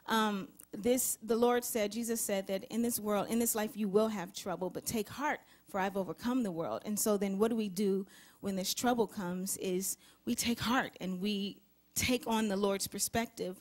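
A woman's voice: mid-range voice, steady tone, moderate pace. A young woman, a gospel singer, speaking earnestly as a guest on a TV talk show interview. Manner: earnest, softly enthusiastic, sings snippets of her song.

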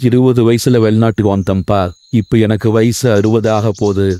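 A man voicing a gentle older male migrant worker near sixty in a cartoon, talking in a consoling way. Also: fairly low pitch, steady tone, normal speed, pitched below the performer's own voice, close to an everyday voice. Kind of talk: Tamil cartoon voice acting.

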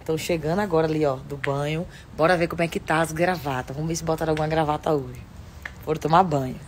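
A woman's voice: low voice, steady tone, fast talker, a little hiss or hum. A mother vlogging casually at home, effusive as she chats and reads a gift message aloud.

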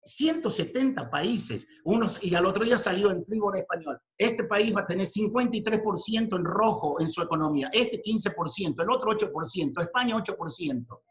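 A man in his sixties preaching a sermon to ministers, firing rhetorical questions and swinging between quiet talk and shouting. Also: high voice, animated, a little fast, hardly any pauses.

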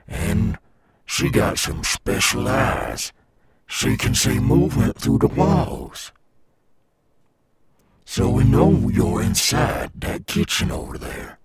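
Man voicing Montgomery Gator, deep gravelly alligator rockstar. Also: exaggerated voice. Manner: slow, coaxing, addressing a child listener. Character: cool, swaggering male animatronic alligator rockstar guarding his golf course. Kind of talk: ASMR audio roleplay.

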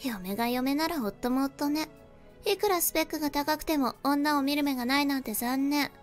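A woman voicing a spoiled, contemptuous young bride in a storybook drama, with a shrill, whiny manner. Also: moderate pace, soft background music, natural voice. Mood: sneering.

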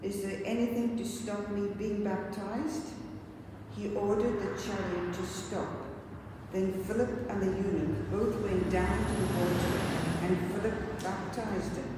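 An elderly woman reads scripture at a measured, slow pace. She sounds distant in a very echoey church, with noise behind her. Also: mid-range voice. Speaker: lay reader at Mass. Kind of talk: scripture and psalm reading. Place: church sanctuary at a lectern.

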